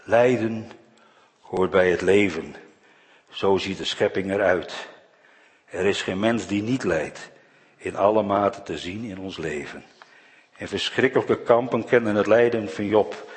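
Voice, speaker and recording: A man preaching a sermon in a church, earnest, with phrase endings that drop to a soft, quiet close. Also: fairly low pitch, a little slow, long pauses, long reverb tail.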